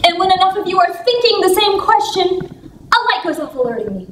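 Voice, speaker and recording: Woman from San Francisco, actress in a solo stage show, sassy, effusive, high voice, echoey theater, distant, noisy. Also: very animated, quick pace, fairly bright tone. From San Francisco, United States. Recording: echoey room from far off, noisy.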